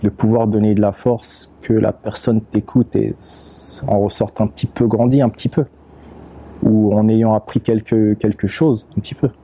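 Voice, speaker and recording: A man, a rapper and beatmaker, speaking as a guest in a casual interview, relaxed and unhurried, often pausing to search for his words. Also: on the low side, slight background noise. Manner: relaxed, unhurried, with many fillers and restarts.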